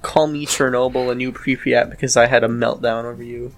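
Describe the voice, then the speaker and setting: Hesitant deadpan man co-host. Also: medium pitch, fairly quick, soft background music. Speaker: podcast co-host. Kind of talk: casual chat.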